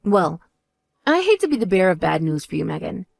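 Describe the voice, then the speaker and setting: Story read: a woman playing a composed older sister, cool and measured, lively lower tone, dry close sound. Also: creaky, no room sound, heavily acted. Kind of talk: voiced text story dialogue.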